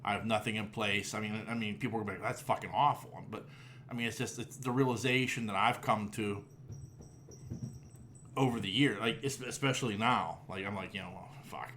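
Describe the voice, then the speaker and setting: A man's voice: on the low side, fairly even intonation, fairly quick, a bit bright, slight background noise. A man in his forties hosting a podcast, chatting casually, rambling with lots of fillers, restarts and swearing. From Pittsburgh area. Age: 40s. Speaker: podcast host. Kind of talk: casual chat.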